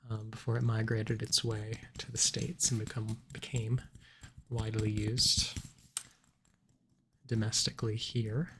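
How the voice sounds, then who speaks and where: Gravelly man in an ASMR salesman role-play. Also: medium pitch, noisy background. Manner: measured, explanatory sales patter.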